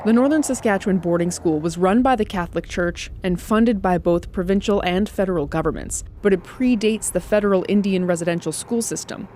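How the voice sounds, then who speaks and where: A woman news reporter delivering a scripted field report in a measured, even manner. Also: mid-range voice, slight background noise.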